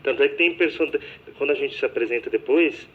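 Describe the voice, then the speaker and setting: A man's voice: mid-range voice, fast talker. A man actor explaining plainly how he builds distinct voices for the characters he plays. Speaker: stage actor. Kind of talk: interview guest chat. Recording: dull radio audio.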